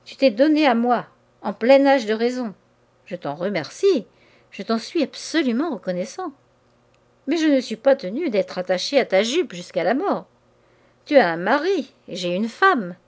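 A woman reading a novel aloud, giving voice to a brusque, scornful young man who talks roughly and impatiently. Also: fairly high pitch, very animated, a little slow. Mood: harsh.

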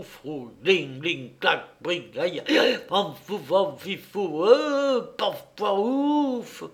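A man reading a literary story aloud in a slow, measured, expressive way. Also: mid-range voice. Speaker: audiobook reader. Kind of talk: literary narration.

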